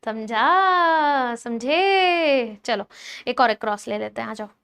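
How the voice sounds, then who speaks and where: A woman biology teacher giving a chatty, animated lecture, teasing and quizzing her students directly. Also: medium pitch, fast, gravelly.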